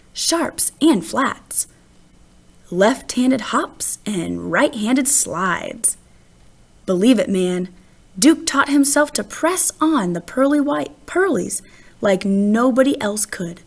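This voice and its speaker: An expressive woman narrator with a voice on the high side reads a picture book for children. She phrases things deliberately and leans on key words.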